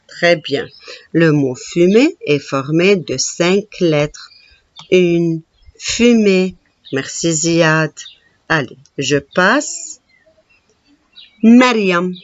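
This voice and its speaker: Teacher, woman, very slow and patient, counts syllables aloud, dull lo-fi recording. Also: low-pitched. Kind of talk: classroom reading lesson.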